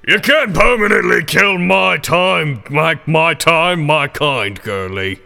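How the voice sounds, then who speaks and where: Man doing a gravelly, theatrical demon villain in reverb. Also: a little high, lively intonation, slow pace, bright, forceful tone, voice pushed up, heavily acted. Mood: smug. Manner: mock-apologetic, goading. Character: taunting male red demon villain, smug and theatrical. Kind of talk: tabletop role-play villain. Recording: long reverb, music underneath. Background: music.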